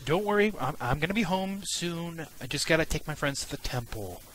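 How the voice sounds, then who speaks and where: Man acting out a bumbling tabletop adventurer husband, pleading, stammering, raised swooping pitch, faint noise. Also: expressive, a little fast, fairly bright tone, rough recording. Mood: flustered. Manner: stammering, repeating denials.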